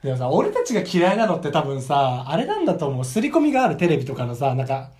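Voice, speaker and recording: Young male podcast co-host, quick, lively pitch, short chatty replies. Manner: quick interjections and casual back-and-forth. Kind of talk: casual chat.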